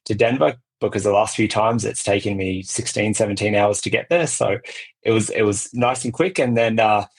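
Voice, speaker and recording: A man's voice: fairly low pitch, moderate pace, creaky, breathy edge, rough recording. A middle-aged man with an Australian accent, speaking as a guest in a podcast interview, talkative and prone to restarting his sentences. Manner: talkative, many restarts and repeated words. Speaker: guest, cybersecurity vendor executive.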